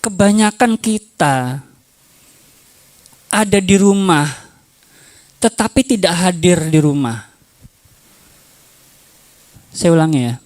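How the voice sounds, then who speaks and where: A man's voice: sits high, animated, slow pace, long pauses, a little mellow, no room sound. A man preaching at a church conference, joking and acting out quoted spouses in a raised voice. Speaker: pastor. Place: church hall.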